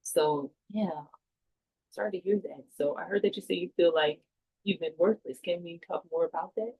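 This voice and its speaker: A woman playing a calm, sympathetic counselor in a mock session, reflecting back hesitantly like a therapist. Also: on the low side, moderate pace, gravelly, husky, low-quality recording. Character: calm, sympathetic counselor listening to a client in crisis. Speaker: counselor in a role play.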